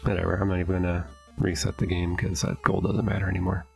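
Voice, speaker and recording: Faint music plays behind a middle-aged let's play host commenting on his gameplay from his home basement. His low, gravelly, darkish voice stays level and moves fast, and he is stuffy and sniffling while thinking aloud in a hesitant, self-correcting way.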